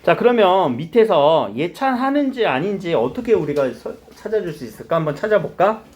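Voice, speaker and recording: A middle-aged man lectures a classroom of students on literary terms, his voice sitting a little high. His pitch swings widely as he fires questions at the class and answers them himself. It sounds like a lively, hands-on teacher. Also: fairly quick.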